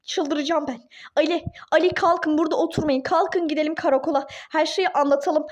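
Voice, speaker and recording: A woman's voice: high voice, fairly even intonation, a little fast, highs cut off, slight background noise, lightly acted. A woman voicing a furious, indignant young wife in a toy-game role-play drama, speaking in exclaiming outbursts. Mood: outraged.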